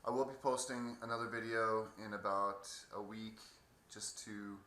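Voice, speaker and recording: A man giving a halting, hesitant casual video update with a sore throat two days after surgery. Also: lowish voice, steady tone, fairly bright tone. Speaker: patient vlogger. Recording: echoey room, faint background noise.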